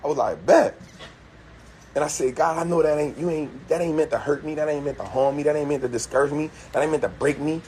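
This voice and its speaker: Middle-aged male vlogger, slightly high pitch, emphatic and repetitive motivational delivery. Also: fairly even intonation, fast talker, hardly any pauses, a little mellow, a little hiss or hum. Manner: repetitive, emphatic, preacher-like phrasing. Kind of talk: casual motivational talk to camera.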